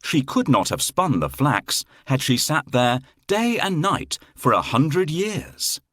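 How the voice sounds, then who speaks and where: Very animated and fairly bright, a male storyteller's lowish voice swoops widely as he reads a fairy tale to kids at a very slow pace. It's a dry recording without room sound.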